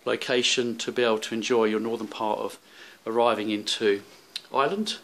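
Brisk and fairly bright, a lowish male voice with fairly even intonation leads a handheld walking tour of a seaside hotel. This travel vlogger drifts through hotel rooms and a seaside street, his narration rambling and full of fillers and restarts.

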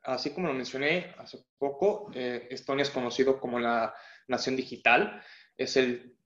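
A young man with a Mexican Spanish accent talks through a webinar presentation, explaining each point earnestly and often pausing to restart his phrasing. His voice sits at an ordinary pitch for a man. The audio is dull and roomy, like a laptop mic on a video call. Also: fairly even intonation, fairly bright tone. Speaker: guest presenter. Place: indoor room, on a video call.

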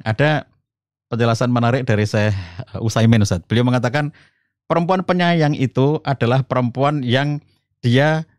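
A middle-aged man from Central Java explains family matters calmly to a podcast host, his voice climbing higher whenever he stresses a point. The sound is dry and close, with no room around it. His pitch sits at an ordinary level for a man. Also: no echo. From Solo region, Central Java. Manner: calm explanatory, addresses host as Ustaz, rises in pitch for emphasis. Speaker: family counselor, podcast guest. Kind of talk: conversational religious talk.

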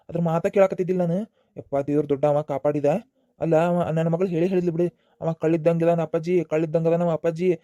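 Cartoon dad, voiced by a man: high, dark, North Karnataka accent, fussy and emotional. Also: dry recording, clean studio sound, natural voice. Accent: North Karnataka Kannada. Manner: scolding, emotional, repeats himself. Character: aging father of a grown daughter, stern then remorseful. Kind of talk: cartoon voice acting.

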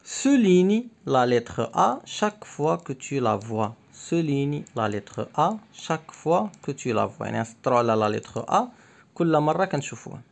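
A man teaching a workbook lesson to young pupils. He reads each word twice, slowly and clearly, then explains the instructions again in Arabic. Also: medium pitch, very animated.

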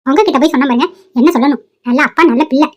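A woman voices a sharp, scolding cartoon mother, speaking high-pitched and fast in a natural voice. The character is an irritated middle-aged town mother who nags her son and snaps impatiently at her husband.

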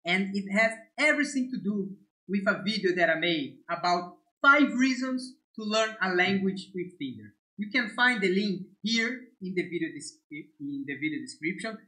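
A Brazilian man teaching Portuguese in English, speaking deliberately and often checking in with "okay?". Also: sits high, bright, forceful tone, echoey room, low-quality recording. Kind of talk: online language lesson.

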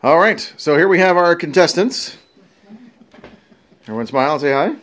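Casual home-video host: woman with a lowish voice, repeating her announcements game-show style, filmed on a phone in a dining room. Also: expressive, normal speed. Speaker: host of a family taste test. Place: home dining room with family around a table. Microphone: handheld phone camera.

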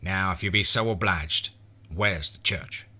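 A man's voice: low-pitched, measured pace, sharp tone, breathy edge, heavily acted. A man voicing a menacing, sardonic cowboy gunslinger who growls threats in a western horror story. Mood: sardonic menace.

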